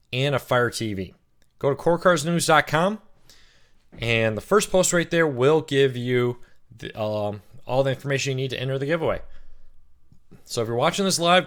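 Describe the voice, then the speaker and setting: A man with a medium-pitched voice, slightly rough and worn from a weekend of cheering, hosts a relaxed live-stream Q&A. He chats easily, reads out viewer comments, greets people by name and works through their questions one at a time.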